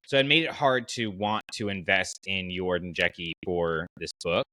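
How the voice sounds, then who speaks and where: Here a podcast host with a low-pitched, bright, forceful voice talks at a normal speed and with fairly even intonation. His casual chat about fiction has him thinking out loud and giving his take as he goes.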